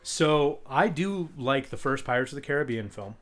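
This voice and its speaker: Expressive and a bit bright, this man's mid-range voice moves at a moderate pace as he co-hosts a podcast. The chat is casual, and he rambles, cracks jokes, and restarts himself a lot.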